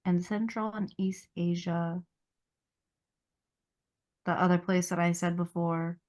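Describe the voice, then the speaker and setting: A woman's voice: on the low side, steady tone, slow, darkish tone. A woman co-hosting a podcast in casual chat, laid-back, reading search results aloud and trailing off mid-thought. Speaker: podcast co-host.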